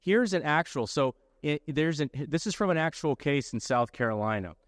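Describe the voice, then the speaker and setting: A man's voice: fairly high pitch, animated, moderate pace, no room sound. Man lecturing fellow lawyers, dry sound. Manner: explanatory, often checks in with "okay?". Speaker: lawyer giving a talk. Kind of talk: conference presentation.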